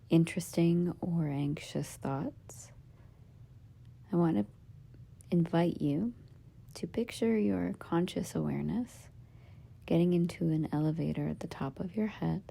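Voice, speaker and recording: A yoga nidra teacher guides a meditation in a soft, breathy, husky half-whisper, her voice sitting low. She gives gentle, soothing instructions in short phrases separated by pauses.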